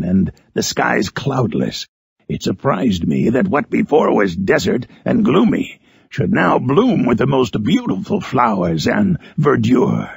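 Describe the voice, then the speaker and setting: A man voicing Frankenstein's monster, a lonely, eloquent man-made creature, in a solemn, harsh storybook narration with drawn-out phrasing. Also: fairly low pitch, no room sound, full character voice. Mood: somber, reflective. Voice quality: harsh, gravelly, raspy. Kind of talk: dramatic audiobook narration in character.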